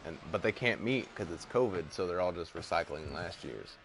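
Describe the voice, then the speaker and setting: A man's voice: sits low, expressive, brisk. A man trading dry jokes and quips while playing a video game with a friend. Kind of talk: casual chat while playing. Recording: clear background noise.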